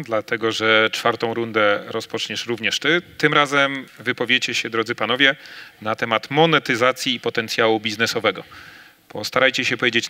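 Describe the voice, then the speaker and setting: A man's voice: mid-range voice, sharp tone. A man moderating a staged debate on a large conference stage, announcing rounds and handing the floor to speakers with a handheld mic.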